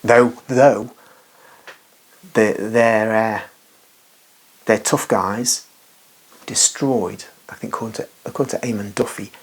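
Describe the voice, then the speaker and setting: Husky, low-voiced man musing aloud. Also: steady tone, slow pace, long pauses. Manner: rambling, emphatic, with asides and restarts. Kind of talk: unscripted religious monologue.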